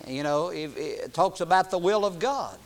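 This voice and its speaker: A man delivering a sermon in a high, reedy voice that climbs to loud emphatic peaks, then drops to quiet, chatty asides for his congregation. He teases his listeners with a joke now and then. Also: expressive, normal speed. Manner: swings from loud preaching peaks to low conversational asides; chuckles and jokes with the congregation. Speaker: pastor.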